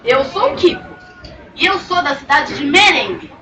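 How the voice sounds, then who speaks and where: Gentle storybook boy, friendly and inviting, voiced by a woman storyteller; high voice, distant and roomy. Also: very animated, moderate pace. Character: kind, friendly young boy. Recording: roomy, distant mic, crowd and noise.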